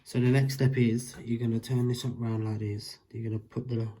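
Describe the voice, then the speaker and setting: A man's voice: mid-range voice, flat delivery, a little fast, warm tone. A man vlogging a casual how-to, talking through each step as he handles the device.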